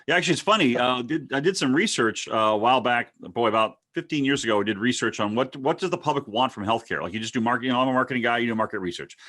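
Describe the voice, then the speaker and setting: A middle-aged man hosts a relaxed interview at a brisk clip. His pitch sits in a normal middle range. He keeps breaking off and restarting his sentences, piling on words with eager energy. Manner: rapid and animated, with frequent restarts and repeats. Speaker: host, marketing consultant. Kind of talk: casual interview chat.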